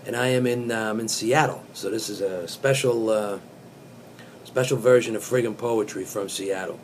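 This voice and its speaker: A comic host in his fifties reads pop song lyrics as poetry, reciting them dramatically in a deliberate, mock-serious manner with casual asides. His voice is on the low side. He records on a webcam in a small room, with slight background noise.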